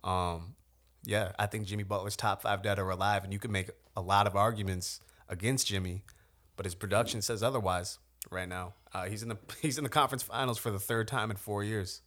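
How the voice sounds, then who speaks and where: A man co-hosting a podcast, arguing his point at length in casual chat, animated and swearing freely. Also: on the low side, fairly quick. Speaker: podcast co-host.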